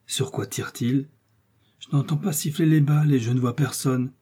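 Man doing a naive boastful musketeer, blunt, puzzled, husky dark voice, storybook. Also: mid-range voice, fairly even intonation, normal speed, close to an everyday voice.

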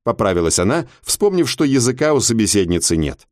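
A man reading an audiobook in an expressive, measured narration. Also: mid-range voice, no echo, clean studio sound.

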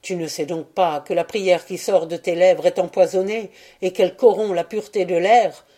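A bitter, furious young man who throws out scornful words, with a woman reading the story doing his voice. The delivery is loud and hard, though the tone stays dark and mellow. He sounds like a storybook lover gone sour. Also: lowish voice, steady tone, normal speed, natural voice. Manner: angry, contemptuous.

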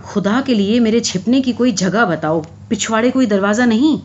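A woman's voice: mid-range voice, lively intonation, a little mellow, highs cut off, slight background noise, close to an everyday voice. A woman reading aloud, speaking as a sheepish male lover who pleads and makes excuses. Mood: panicked.

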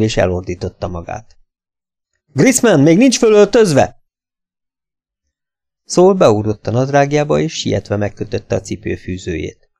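A man narrating an audiobook in a steady, measured reading voice. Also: lowish voice, gravelly.

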